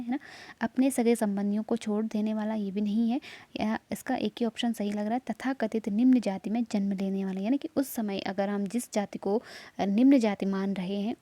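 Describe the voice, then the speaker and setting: A woman's voice: medium pitch, dark tone, no echo. Woman teaching an exam practice lesson. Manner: explains step by step with frequent tag questions.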